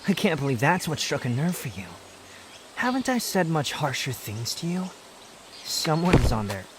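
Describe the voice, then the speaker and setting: A man playing a sharp-tongued, haughty, youthful-looking immortal wanderer in a roleplay audio drama, speaking in a sardonic, theatrical, teasing way. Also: on the high side, sing-song, normal speed, a little hiss or hum. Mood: indignant, taunting. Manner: sardonic, scolding, theatrical delivery with sighs.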